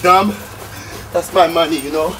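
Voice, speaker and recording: A man's voice: fairly high pitch, steady tone, measured pace, fairly bright tone. An actor playing an angry young man who rants and swears in a film drama. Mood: agitated. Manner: agitated, ranting, swearing. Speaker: character in a film. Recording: distant mic, clear background noise.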